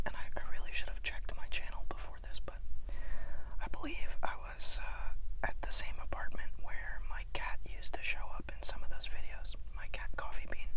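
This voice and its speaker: A young woman whispers a candid, hesitant, unhurried ASMR vlog from inside a small, quiet, sound-muffled closet. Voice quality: whispered, breathy. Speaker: ASMR video creator.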